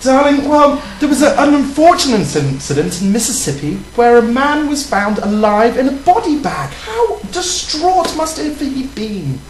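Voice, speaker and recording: A man's voice: very high-pitched, sing-song, normal speed, hardly any pauses, echoey room, a little hiss or hum, rough recording. A man voicing a proper, genteel older English lady who calls everyone darling, in a comic drag skit. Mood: prim. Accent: put-on English. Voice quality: genteel, fussy manner with "darling" and "dear". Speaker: host. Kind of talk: comic drag character chat. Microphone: video call.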